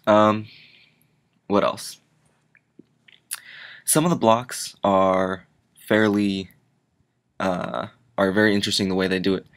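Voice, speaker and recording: Tired young guy with a low voice rambling through a game walkthrough, keeps going off on tangents. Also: steady tone, takes it slowly, pauses often. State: tired, yawning. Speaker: gaming channel host. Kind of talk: casual gameplay commentary.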